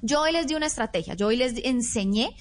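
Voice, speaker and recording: A woman's voice: a little high, animated, quick pace, soft background music. A woman parenting expert explaining in a teaching manner, acting out example phrases a parent might say. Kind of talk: explanatory podcast talk.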